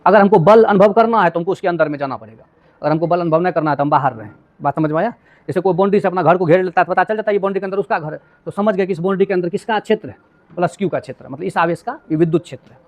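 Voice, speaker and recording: Sitting high in pitch and speaking rapid-fire, a male physics teacher gives a lively lecture. He keeps asking his students check questions to see if they follow, and illustrates each point with everyday household examples.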